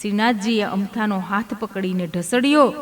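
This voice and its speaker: A woman's voice: medium pitch, moderate pace. A woman narrating a devotional tale, speaking every character's lines herself. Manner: voices each character in turn within the tale. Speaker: storyteller. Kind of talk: devotional storytelling. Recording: long hall reverb.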